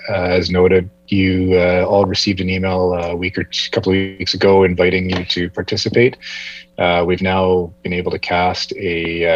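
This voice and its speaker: Low, even-voiced man giving a halting update. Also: no echo. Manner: halting, many hesitations. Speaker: transportation manager. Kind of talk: informal meeting update. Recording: dull, lo-fi meeting audio.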